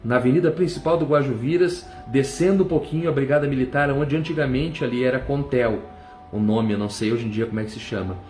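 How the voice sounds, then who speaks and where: Middle-aged guy giving a church testimony, fervent and emphatic, echoey room, soft music under it. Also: mid-range voice, fast talker. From southern Brazil. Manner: fervent, emphatic, with cries of praise. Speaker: testimony speaker.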